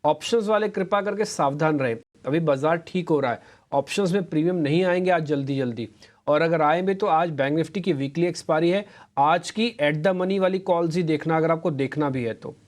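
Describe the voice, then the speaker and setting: A man's voice: a little high, fairly quick, a little mellow. A man anchoring a live stock market show, chatting and coaching viewers directly while giving market commentary.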